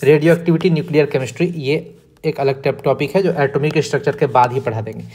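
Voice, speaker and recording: A man teaching an exam-prep lesson, explaining step by step and often pausing to check in with his students. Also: a little high, a little mellow.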